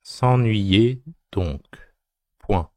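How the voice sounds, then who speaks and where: Very slow male dictation voice. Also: on the low side, animated, mellow, dry recording. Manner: dictating slowly phrase by phrase, punctuation spoken aloud. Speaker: French dictation teacher. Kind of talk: dictation reading, repeated short phrases.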